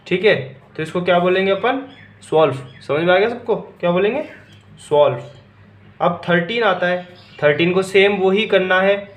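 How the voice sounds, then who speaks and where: A man's voice: sits high, echoey room. A young man teaching German numbers to a class. He asks a question, then answers it himself and repeats each word. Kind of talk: classroom-style language lesson.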